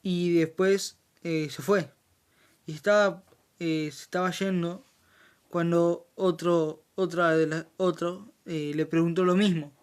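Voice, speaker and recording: A Bible study leader, talking in an unhurried, drawn-out way. The voice is smooth and clear, broken by frequent ums, restarts and amens. It is recorded on a phone held in the hand. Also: medium pitch, darkish tone. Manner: hesitant, full of fillers and self-corrections, says amen often. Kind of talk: informal Bible explanation and reading. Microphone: handheld phone.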